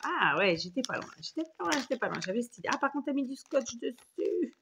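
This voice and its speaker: A woman's voice: high voice, sing-song, brisk, noisy background. A woman at home, casually showing craft items in a rambling, self-correcting chatty way. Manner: rambling, self-correcting, warm thanks to senders. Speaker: crafting vlogger. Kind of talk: casual chatty show-and-tell. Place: at home, indoors.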